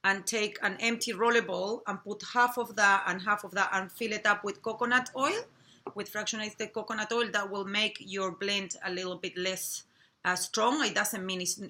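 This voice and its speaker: Chilean-accented woman, casual halting chat, bright voice. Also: mid-range voice. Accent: Chilean Spanish. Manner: warm, halting, with small slips and restarts. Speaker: co-host.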